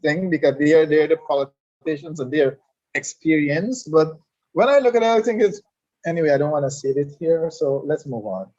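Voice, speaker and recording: Heard in a dull, lo-fi recording, this leadership guest speaker has a Caribbean English accent and a fairly high, darkish-toned voice. He's animated and keeps a moderate pace, hammering and repeating his points like a lecture within a conversational discussion.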